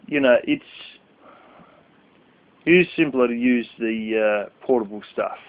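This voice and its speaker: A man's voice: mid-range voice, a little slow. A sleepy man ranting bluntly and rambling as he talks to camera, swearing freely. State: sleepy, yawning late at night. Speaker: vlogger. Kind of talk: casual rant to camera. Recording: tinny phone-like audio.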